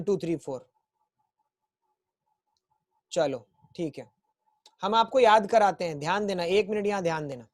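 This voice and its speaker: A male teacher leads an online class, repeating himself often and drawing out memory chants syllable by syllable to coax his pupils along. His voice sits at an ordinary pitch. The recording is dry and close, with no room sound. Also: a little mellow, dry recording. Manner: repetitive, coaxing, chants memory rhymes slowly. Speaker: school chemistry teacher.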